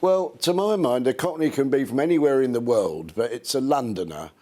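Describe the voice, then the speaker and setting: Male interviewee, measured and thoughtful. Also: mid-range voice, expressive, mellow. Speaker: festival interviewee.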